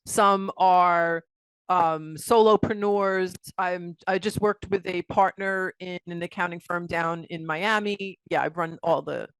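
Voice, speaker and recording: A woman's voice: on the low side, steady tone, takes it slowly, smooth, no room sound. A middle-aged woman, a guest on a video call interview, who tells stories with energy and acts out the voices of the people she quotes. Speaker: guest, accountant and coach. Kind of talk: interview conversation.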